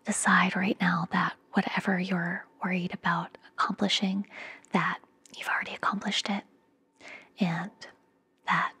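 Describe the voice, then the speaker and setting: Whispering on the low side, a young woman podcaster offers soothing relaxation guidance and affirmations. Her breathy, gentle, reassuring ASMR voice is caught close up indoors by a fluffy-covered microphone very near her mouth.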